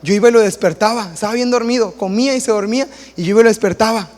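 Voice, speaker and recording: A man, a pastor preaching a sermon in a church, lively and acting out quoted voices and little stories. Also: high voice, racing, big-room sound. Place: church hall.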